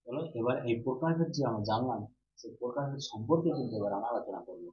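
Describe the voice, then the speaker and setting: A male teacher giving a grammar lesson to students. He asks questions, answers them himself, and repeats each key term. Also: medium pitch. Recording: roomy, dull, with faint hum.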